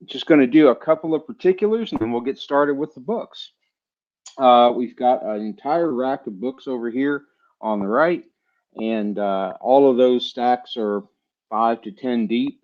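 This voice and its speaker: A relaxed, chatty man from Texas runs a live-streamed comic book sale, his voice sitting at an ordinary middle pitch. He talks casually and loosely, with plenty of ums and uhs. The audio sounds a little dull and muffled. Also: normal speed. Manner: relaxed, chatty, many fillers.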